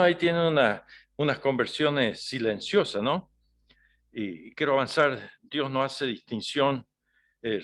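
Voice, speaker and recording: A male preacher giving a sermon in a conversational style, often tagging his points with rhetorical questions to the congregation. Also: medium pitch.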